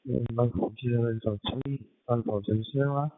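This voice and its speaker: A man from Argentina working an amateur radio contact. He is heard over a shortwave radio link, spells out call signs and talks haltingly with many fillers and restarts. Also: mid-range voice, steady tone. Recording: tinny radio line, dry.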